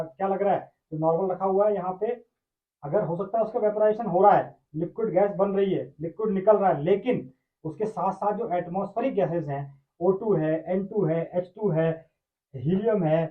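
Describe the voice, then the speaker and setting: High-voiced male chemistry teacher, echoey and tinny. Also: moderate pace. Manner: repetitive, asks and answers own questions. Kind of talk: classroom-style explanatory lecture. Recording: echoey room over tinny phone-like line.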